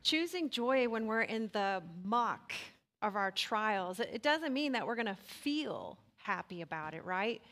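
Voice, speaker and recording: A woman's voice: mid-range voice, measured pace. A woman speaking at a church service, giving a short devotional and the offering announcement. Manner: calm devotional talk leading into offering.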